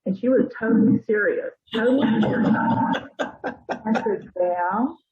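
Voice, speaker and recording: A woman from Arkansas telling stories from her life in an interview, in a thoughtful, unhurried way. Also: a little high. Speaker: interviewee, church member. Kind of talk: casual storytelling interview. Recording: tinny phone-like line.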